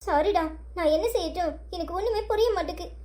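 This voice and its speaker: A woman's voice: extremely high pitch, fast talker, a little mellow. A woman voicing a young wife who pleads and apologizes to her husband in a cartoon story. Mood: pleading.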